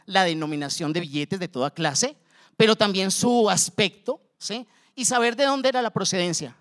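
Colombian guy animatedly telling his old car salesman story. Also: high voice. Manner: lively, animated retelling, acts out the scene. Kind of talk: personal storytelling.

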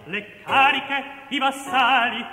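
A vain young nobleman of the opera stage, boasting in a very high tenor. His delivery is pompous and declamatory, unhurried and grand. It rings through a reverberant hall over a classical orchestra. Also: music in the background. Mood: boastful. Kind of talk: operatic recitative and aria in Italian.

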